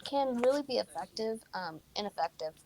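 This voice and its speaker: A teenage girl co-hosting a casual podcast chat, pausing often with ums. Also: a little high, expressive, darkish tone, slight background noise. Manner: hesitant, many ums. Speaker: co-host.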